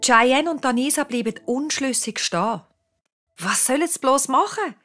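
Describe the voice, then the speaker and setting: Eine Frau mit Schweizer Akzent erzählt lebhaft und ausdrucksstark ein Hörbuch für Kinder. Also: female voice, sits high, normal speed, soft background music. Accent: Swiss German. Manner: lively, expressive storytelling. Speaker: narrator. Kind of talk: children's audiobook narration.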